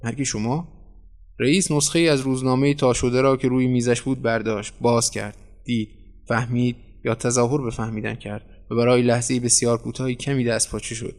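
A man's voice: mid-range voice, little pitch movement, a little mellow. A man narrating a translated short story for an audio series. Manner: measured storytelling. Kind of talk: scripted narration.

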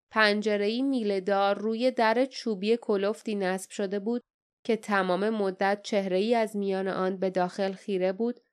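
A woman narrating an audiobook in a measured, even storytelling manner. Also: mid-range voice, clean tone. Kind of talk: scripted narration.

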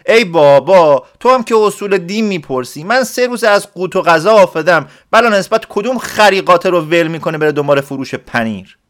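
Man playing a flustered village man, high pitched, loud, pleading, indignant, storybook reading. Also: animated. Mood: indignant shouting.

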